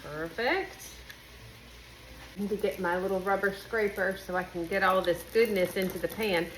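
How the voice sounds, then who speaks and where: A home and cooking vlogger chats folksily and casually with viewers in a bubbly video from her home kitchen, her mid-range voice nasal and congested at a moderate pace. Behind her you can hear frying, stirring, and a sizzling pan amid general kitchen noise.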